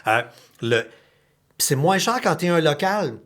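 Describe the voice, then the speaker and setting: A man with a Québécois accent hosting a podcast, talking in an animated, colloquial way with casual swearing. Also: a little high, unhurried. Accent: Québécois French. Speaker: podcast host.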